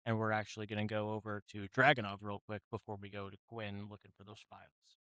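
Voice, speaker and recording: Measured male game master. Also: lowish voice, flat delivery, bright, forceful tone, no room sound. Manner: measured, deliberate narration. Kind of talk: narrating a tabletop game.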